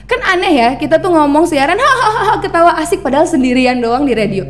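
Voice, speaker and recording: A woman's voice: high-pitched, lively intonation, fast, slight background noise. A woman from Indonesia who is a former radio announcer, talking as a podcast guest in a chatty, explanatory way, teaching through examples. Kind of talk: casual podcast interview.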